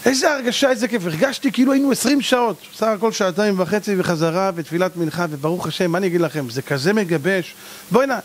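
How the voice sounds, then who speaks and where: A man giving a rabbi's sermon, scolding and mocking his listeners with a stream of blunt rhetorical questions. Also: sits high. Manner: animated, hammering rhetorical questions. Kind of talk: sermon to a live audience.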